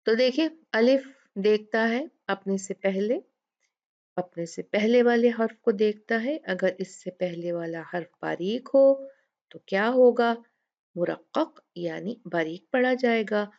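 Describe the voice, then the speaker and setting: Slow, patient woman teaching Quranic recitation. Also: medium pitch, darkish tone, dull audio. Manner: patient, asks questions then answers them, draws out example words slowly. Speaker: Tajweed teacher. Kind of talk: slow explanatory lesson with recited examples.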